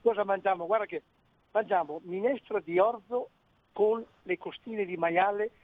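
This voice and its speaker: A cheerful man from the Bolzano area calls in, reeling off dishes for a dinner. His voice is high and sounds tinny, as if over a phone line. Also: moderate pace, no room sound. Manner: cheerful, listing foods. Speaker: caller. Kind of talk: phone call-in chat.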